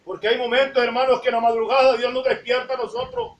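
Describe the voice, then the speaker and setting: A woman preaching a sermon in a church, fervent, tagging nearly every phrase with a call to the congregation and rising to shouts at the high points. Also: level tone, quick pace, roomy sound, recorded from a distance. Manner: fervent, repeats "hermano, ¿verdad?" after nearly every phrase; rises to shouting at emphatic points.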